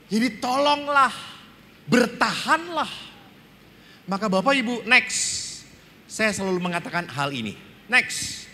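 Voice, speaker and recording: A middle-aged priest speaks to a seminar audience with a bright, forceful voice pitched a little high. He tells his stories with lively humor and acts out the voices in them. The sound carries a long reverb from the hall, with faint background noise. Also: slow pace, pauses often. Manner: animated storytelling, acting out quoted dialogue.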